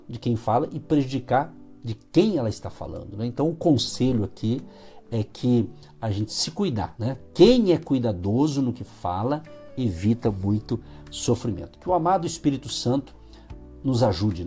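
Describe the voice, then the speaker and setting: A man's voice: medium pitch, warm tone, husky. A man with a Brazilian Portuguese accent hosting a radio devotional, explaining Bible verses in a conversational way with frequent tag questions. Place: radio studio.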